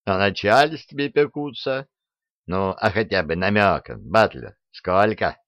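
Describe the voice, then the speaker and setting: A man's voice: on the low side, lively intonation, measured pace, no room sound, dull audio. A sentimental exclaiming king, voiced by a man. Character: easily moved, greedy old male king.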